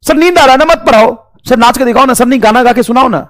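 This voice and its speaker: A man's voice: very high-pitched, fast, voice pushed up. A man mimicking a whiny, demanding young student who keeps changing requests.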